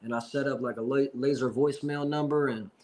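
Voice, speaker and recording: A man in his forties, a rapper guest, tells stories in a loose, rambling way. He keeps dropping in "you know what I mean" as he goes. His voice sits at an ordinary middle pitch. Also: steady tone, brisk, a little mellow, rough recording. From Seattle. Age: 40s. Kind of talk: casual storytelling.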